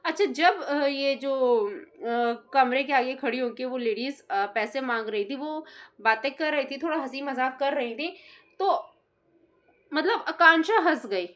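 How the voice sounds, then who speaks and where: A woman's voice: high voice, a little slow, fairly bright tone. A woman giving casual opinion commentary in a reaction video, indignant and scolding, often quoting others mockingly.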